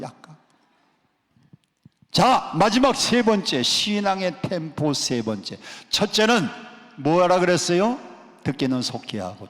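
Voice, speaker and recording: A male pastor preaching a sermon, leading the congregation in call-and-response. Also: a little high. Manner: call-and-response preaching, drawn-out emphatic lines. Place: church sanctuary at a prayer retreat. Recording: long church hall reverb.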